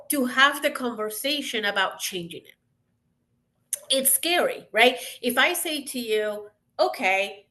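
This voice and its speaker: A woman's voice: on the high side, pushed and bright. A woman guest on a podcast, a consultant, speaking earnestly and encouragingly, with emphatic restarts. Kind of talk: casual interview chat.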